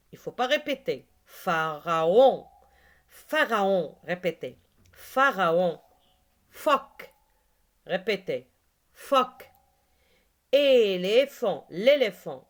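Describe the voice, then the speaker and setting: A woman teaching a reading lesson, saying each word slowly and clearly and asking learners to repeat after her. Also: medium pitch. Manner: slow, clearly articulated, repeats words for learners to echo.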